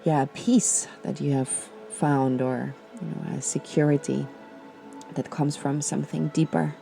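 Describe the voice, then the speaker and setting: A woman from Austria hosting a podcast, guiding listeners through a slow, gentle reflection with many pauses and fillers. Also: deep voice, steady tone, vocal fry, faint music behind. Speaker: podcast host. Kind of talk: guided reflection and personal talk.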